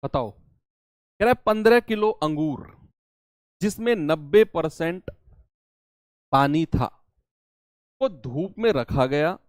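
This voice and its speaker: A young male maths teacher with a smooth, clear voice that sits fairly high for a man. He talks slowly and patiently, putting questions to his students and answering them himself at each step. The sound is close and dry. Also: expressive, no room sound. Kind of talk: exam-prep maths lesson.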